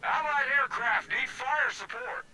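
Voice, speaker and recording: An actor playing an urgent military officer in a video game, barking clipped, commanding battle orders through a noisy radio filter. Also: male voice, very high voice, measured pace, vocal fry, bright, forceful tone, exaggerated voice. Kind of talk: scripted game voice callouts.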